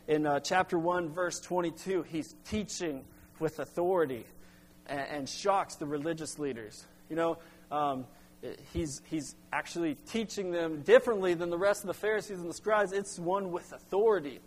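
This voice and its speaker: A middle-aged man preaching a sermon as pastor, halting with restarts, then pressing into emphatic bursts. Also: on the high side. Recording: long hall reverb.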